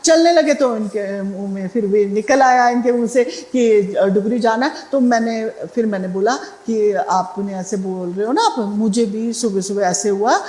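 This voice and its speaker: A woman's voice: mid-range voice, a little slow, hardly any pauses, darkish tone, reverberant. A middle-aged woman sharing a devotional testimony in a conversational way, with fillers and restarts. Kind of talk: spoken satsang testimony.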